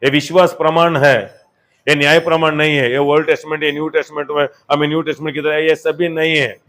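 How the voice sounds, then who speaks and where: A pastor giving a sermon in a church, mixing in English words and moving between loud exhortation and quiet asides. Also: male voice, a little high, little pitch movement, fast.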